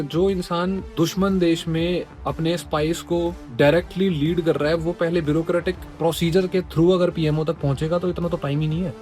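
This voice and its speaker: A man's voice: a little high, a little mellow. Man telling a history story casually. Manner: conversational, explaining to the viewer. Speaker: host.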